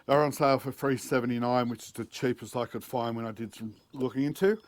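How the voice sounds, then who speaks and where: Speaking fast with a medium pitch and fairly even intonation, a middle-aged Australian man walks viewers through unboxing and installing gear for his DIY four-wheel-drive channel. His manner is casual and matter-of-fact, and the recording is dry. The setting shifts from a backyard outdoors to the inside of a car cabin.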